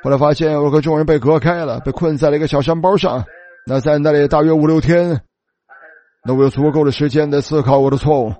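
A man's voice: fairly high pitch, steady tone, quick pace, dark tone. A male preacher giving an earnest first-person sermon testimony, often starting sentences with a filler word and voicing the people he quotes.

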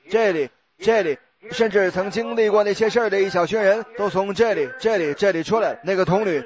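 A man preaching a sermon, putting questions to his congregation and answering them himself. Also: high-pitched. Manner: sings hymn lines slowly.

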